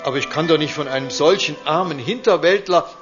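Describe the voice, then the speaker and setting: A man voicing a small, proud and excitable male grand duke with a high, loud, haughty voice. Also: fast, over music, lightly acted. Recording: dull lo-fi recording.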